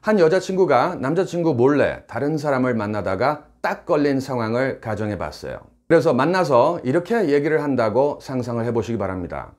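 A middle-aged man who teaches English, explaining phrases clearly and with emphasis in a scripted lesson. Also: medium pitch, sing-song, a little fast, hardly any pauses, a little mellow.

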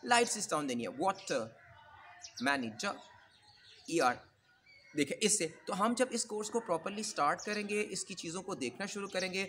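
A man's voice: on the high side, sharp tone, a little hiss or hum. A man teaching English pronunciation in Urdu mixed with English, modeling sample phrases for learners. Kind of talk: Urdu-English accent lesson.

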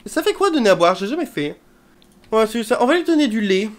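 Joueuse bavarde qui commente sa partie, voix un peu haute, jurons et exclamations anglaises. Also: female voice, on the high side, sing-song, fairly quick. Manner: chatty, swears and drops English exclamations. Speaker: video game let's player. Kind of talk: casual gameplay commentary.

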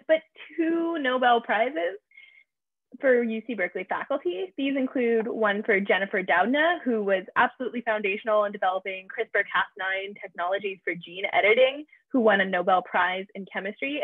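A young woman hosts a virtual campus tour, opening the session with an upbeat, emphatic scripted introduction. Her medium-pitched voice is slightly rough with no echo, and the video call audio sounds tinny, like a phone.

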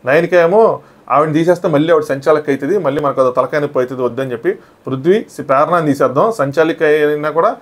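Rapid-fire male show reviewer. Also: on the high side. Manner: rushed storytelling, briefly acting out quoted lines. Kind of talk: casual episode recap commentary.

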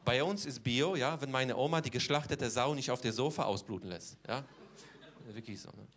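Here a man performs stand-up in the role of a cocky Polish braggart, using a Polish accent and broken German while tacking a question onto nearly every line. His voice sits at medium pitch, moves at a moderate pace and is a bit bright, close to how he'd normally talk.

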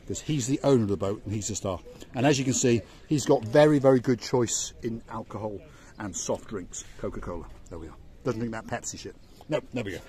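A man's voice: medium pitch, darkish tone. Older man chatting through a seaside vlog. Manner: chatty, joking tour-guide patter. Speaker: vlog host. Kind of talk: casual walking vlog narration. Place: outdoors by a seaside harbour promenade. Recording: faint outdoor noise.

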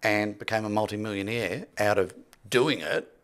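As a podcast guest, this man in his sixties, an expert in property development, shares emphatic, conversational stories at a normal pace. His voice is on the low side with a fairly bright tone. A close boom-arm studio microphone and headphones capture him in a small indoor studio.

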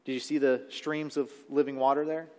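A man's voice: mid-range voice, flat delivery, fairly quick, dark tone. A man preaching a sermon live in a church, talking conversationally and checking in with the congregation. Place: church sanctuary. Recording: live sermon with long hall reverb.

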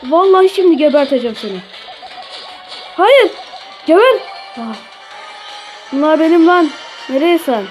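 High-voiced woman yelling at a game. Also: animated, measured pace, pauses often. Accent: Turkish. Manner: swears and shouts at opponents. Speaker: gaming channel host. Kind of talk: live gameplay commentary. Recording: faint game music behind.

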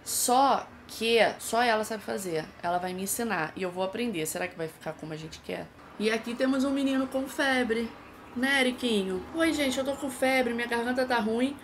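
A woman's voice: on the high side, slight background noise. A woman in her thirties chatting casually and joking at her own expense in a cooking vlog, filming herself with a phone at arm's length in a home kitchen. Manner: chatty, joking, self-mocking. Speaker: vlogger. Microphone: phone held at arm's length.

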